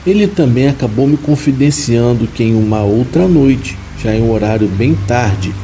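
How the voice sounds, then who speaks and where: A man reading a horror story aloud in a calm, measured scripted narration. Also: medium pitch, a little hiss or hum, poor audio.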